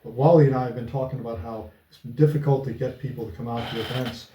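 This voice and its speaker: A man in casual conversation, talking in a halting way and repeating the starts of his phrases. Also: mid-range voice, steady tone, noisy background. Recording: muffled, echoey, far from mic.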